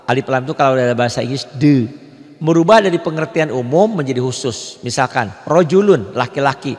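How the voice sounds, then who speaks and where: A man's voice: medium pitch, a little fast. Patient male Quran teacher, echoing reverb. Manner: patient, repetitive explaining with rhetorical questions. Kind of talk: tajwid lesson for beginners.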